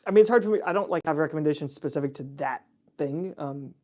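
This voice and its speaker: Relaxed chatty man with a mellow voice. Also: fairly high pitch, fast. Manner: relaxed, chatty, laughs often, frequent "like" and "um". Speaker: host answering viewer chat. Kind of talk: casual livestream Q&A.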